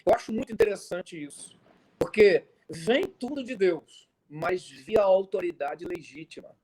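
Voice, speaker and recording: A male pastor with a Brazilian Portuguese accent preaching to fellow pastors over a video call, lively and full of stories. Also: high-pitched, a little slow, breathy edge. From Brazil, Minas Gerais. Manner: animated preacher, tells stories, acts out dialogue. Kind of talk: sermon-style talk to pastors.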